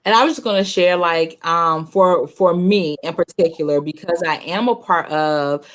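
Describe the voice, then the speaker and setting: A woman's voice: lowish voice, moderate pace. A woman hosting a casual interview over a video call, chatty and giggly, often laughing between her words. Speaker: host.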